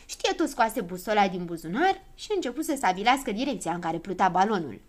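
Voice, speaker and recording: A woman narrating a children's storybook in an expressive, lively way. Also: mid-range voice.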